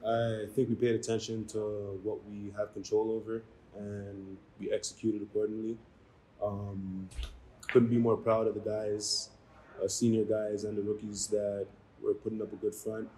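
A young football player speaks at a post-game press conference in a low, mellow voice with little rise and fall. He answers reflectively, pausing on ums. A faint hiss sits under the close mic. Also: little pitch movement, poor audio. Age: young adult. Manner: measured, reflective, with frequent ums. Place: small room before a maroon backdrop.

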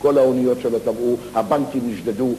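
A man telling comic stories on stage, in a lively theatrical monologue full of slangy asides. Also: medium pitch, a little hiss or hum. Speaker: stage comedian. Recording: echoey live theater hall recording.

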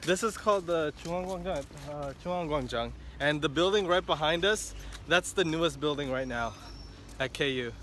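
A man's voice: a little high, moderate pace, a bit bright. A young man vlogging around a campus, chatting and laughing, recorded on a handheld camera. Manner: chatty, laughs often, tour-guide commentary. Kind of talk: casual vlog chat. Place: around a university campus, indoors and outdoors. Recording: roomy reverb with some background noise.

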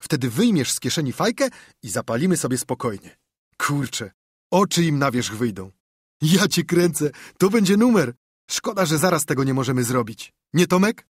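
Man voicing a cocky little show-off kid, high, scoffing, storybook. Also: big pitch swings, normal speed, husky, dry recording, clean studio sound. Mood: swaggering. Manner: swaggering, scornful. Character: cocky young boy, scheming show-off.

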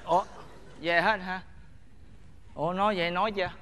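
A man playing a slow-talking, dazed old father in a stage comedy sketch. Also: high voice, steady tone, pushed and bright. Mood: puzzled. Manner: drawling, slow.

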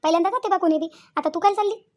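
A woman's voice: extremely high pitch, very fast, voice pushed up. A woman voicing a grumbling old mother-in-law. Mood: scolding. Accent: Vidarbha Marathi. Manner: grumbling, self-pitying, scolding. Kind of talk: cartoon voice acting.

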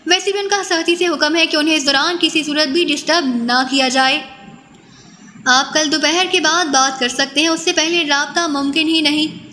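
A woman's voice: sits high, fairly even intonation, pushed and bright. A woman reading the part of a polite female receptionist who apologizes on the phone, in an audiobook with long reverb and faint noise. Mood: apologetic.

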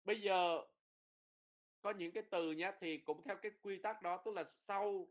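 A man's voice: high-pitched, fairly even intonation, normal speed, muffled recording. A man teaching a pronunciation lesson, explaining rules and repeating drill words with frequent tag words. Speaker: Norwegian language teacher.

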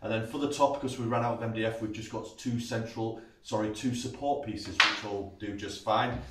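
A man's voice: on the low side, steady tone, moderate pace, fairly bright tone. A man, chatting casually and explaining each step as he builds furniture in a large workshop. He is self-mocking and talks through his work. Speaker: woodworking channel host. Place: large indoor woodworking workshop. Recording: roomy workshop echo, faint noise.

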